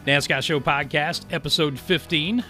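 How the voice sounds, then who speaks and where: A man hosting a podcast, talking reflectively and haltingly in a monologue to listeners. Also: fairly high pitch, fairly even intonation, pushed and bright, faint music behind. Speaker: podcast and radio host. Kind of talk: monologue to listeners, partly scripted ad reads.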